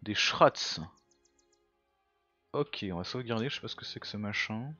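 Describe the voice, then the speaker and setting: Low-voiced man muttering through a strategy game. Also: normal speed, sharp tone, lo-fi sound, soft background music. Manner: thinks aloud, muttering to himself; self-mocking. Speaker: let's play gamer. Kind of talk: casual game commentary.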